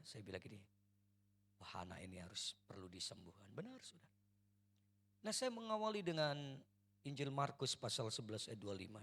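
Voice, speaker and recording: A man's voice: medium pitch, creaky, breathy edge. A male pastor preaching a sermon, telling a personal story and addressing the congregation earnestly.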